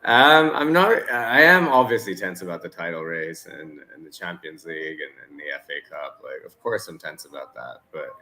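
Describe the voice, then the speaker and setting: A man's voice: sits low, moderate pace, few pauses, poor audio. A Canadian man co-hosting a football watchalong in casual chat, ranting and swearing freely. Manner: profane, ranting, animated.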